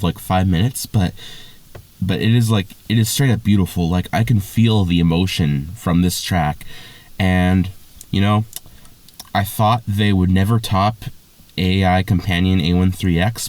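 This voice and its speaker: A man's voice: lowish voice, darkish tone. A man giving a casual spoken music review, enthusiastic and gushing, with lots of fillers and restarts.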